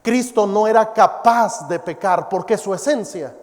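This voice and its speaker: Reverberant high-voiced male preacher. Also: unhurried. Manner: preaching with dramatic drops to soft, low emphasis; quotes scripture and mimics others in a raised voice. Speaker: pastor. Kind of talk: sermon. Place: church. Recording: long hall reverb.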